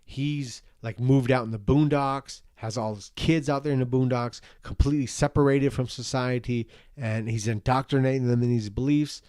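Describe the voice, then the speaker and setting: A man's voice: medium pitch, fairly even intonation, normal speed, hardly any pauses, darkish tone, smooth, no echo. Drunk man ranting earnestly, dry close sound. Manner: earnest, emphatic, repeats himself. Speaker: parent giving personal opinions. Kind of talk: rambling rant to an online audience.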